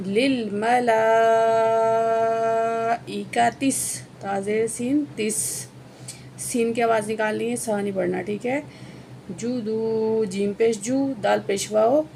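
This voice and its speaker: A woman with a Pakistani Urdu accent teaches recitation word by word, spelling letters and vowel marks before reading each word slowly. Her voice sits a little high. A faint hiss runs under the recording. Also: creaky, darkish tone. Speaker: Quran teacher.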